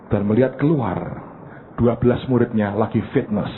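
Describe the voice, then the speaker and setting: A male pastor preaching a humorous sermon, telling the story in a lively way and rising into loud, emphatic preaching. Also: mid-range voice, moderate pace. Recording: tinny phone-like sound, faint noise.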